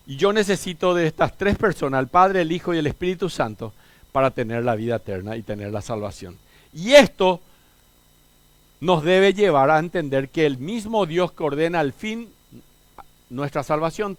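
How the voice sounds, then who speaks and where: A middle-aged man with a Paraguayan Spanish accent preaching a sermon as pastor, swinging from emphatic rises to soft, low asides. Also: no echo.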